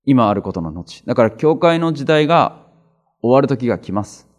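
A man's voice: mid-range voice, very animated, muffled recording. A man giving a conversational Bible teaching as a pastor, explaining with everyday examples and reading scripture passages aloud. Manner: reads scripture aloud slowly, repeating references.

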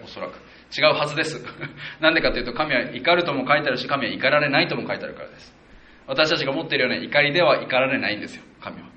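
A male pastor preaching a casual, conversational sermon, stopping to correct himself and acting out what the people said with lively jumps in pitch. His voice is bright and forceful. It is recorded in a roomy, echoing space with a dull, lo-fi sound. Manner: animated, acts out quotes of the people with shifts of pitch; conversational, with self-corrections and fillers. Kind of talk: sermon, verse-by-verse Bible exposition.

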